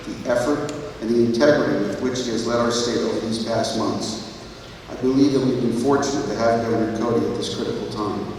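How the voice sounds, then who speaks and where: A man giving a measured, earnest formal introduction at a school graduation. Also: medium pitch, a little hiss or hum. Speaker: commencement presenter. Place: large hall, far from mic. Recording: echoey hall from far off.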